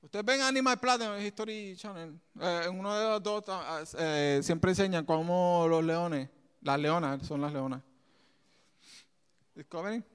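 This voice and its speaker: A man preaches with a high, smooth and resonant voice. His delivery is animated, full of quick asides and laughter. The sound has the long reverb of a large hall. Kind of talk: sermon.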